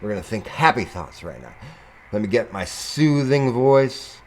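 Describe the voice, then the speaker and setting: A man casually commenting on his own football video game play, chatting to the game and breaking into sudden excited whoops. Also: fairly low pitch, normal speed, a little hiss or hum. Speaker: gaming YouTuber.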